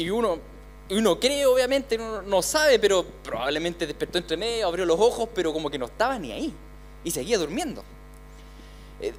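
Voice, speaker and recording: A man's voice: high voice, slight background noise. A man with a Chilean accent preaching a sermon as pastor, speaking conversationally with many repeated words. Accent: Chilean Spanish. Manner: conversational, repeats words, voices the disciples' pleas. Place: church.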